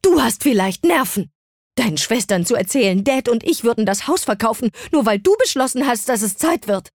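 A woman's voice: fairly high pitch, expressive, fairly quick, no echo, studio quality, pitched above the performer's own voice. A woman voicing a frantic middle-aged mother who shrieks with indignation in an audiobook. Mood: furious.

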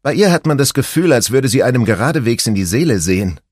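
A man's voice: medium pitch, animated, fast, a little mellow, slightly rough, dry recording, studio quality, voice pushed up. Man voicing a gossipy female best friend. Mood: playful.

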